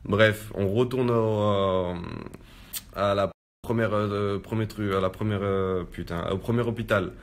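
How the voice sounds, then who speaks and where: A man's voice: fairly low pitch, fairly even intonation, unhurried. A young man casually recounting a personal ordeal in street slang, filling his speech with "en gros". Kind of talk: casual spoken testimony.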